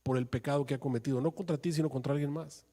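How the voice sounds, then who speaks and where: A man's voice: medium pitch, steady tone, racing, dark tone. A male pastor preaching a sermon with passion, his voice rising into emphatic pleas.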